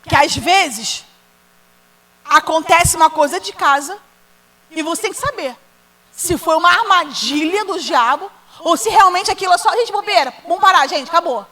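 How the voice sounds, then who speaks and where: A woman's voice: very high-pitched, measured pace, pauses often, bright, forceful tone, rough recording. A woman with a Brazilian Portuguese accent preaching a sermon as a women's ministry leader, telling a personal story and speaking straight to the congregation. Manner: earnest storytelling, addressing the congregation directly.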